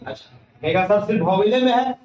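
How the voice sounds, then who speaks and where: A man's voice: high-pitched, brisk, darkish tone, slight background noise. A male grammar teacher giving a colloquial classroom lecture, explaining step by step and asking and answering his own questions. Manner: folksy, colloquial teaching style. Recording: echoey, distant, dull lo-fi classroom recording.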